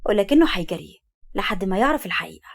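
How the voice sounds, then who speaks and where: A woman narrating a story in a brisk, lively reading with an Egyptian accent. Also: medium pitch, vocal fry.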